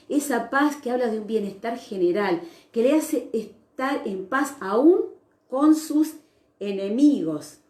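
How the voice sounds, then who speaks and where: A woman preaching a sermon at an online church service, speaking in a slow, reflective way with frequent hesitations. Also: on the high side, warm tone, roomy sound.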